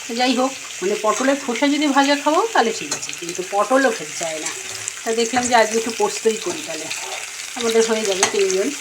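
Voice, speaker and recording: A woman's voice: fairly high pitch, animated, fast talker. A woman in her fifties, chatting homely and rambling as she cooks in her home kitchen, filmed on a phone camera. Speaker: cooking vlogger. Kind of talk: casual home vlog chat. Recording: home recording with frying noise.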